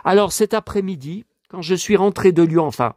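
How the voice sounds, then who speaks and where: A man's voice: sits high, a little fast, a little mellow, no echo. A man chatting casually to camera as he shows off his recent purchases, exclaiming and repeating himself. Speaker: vlogger showing purchases.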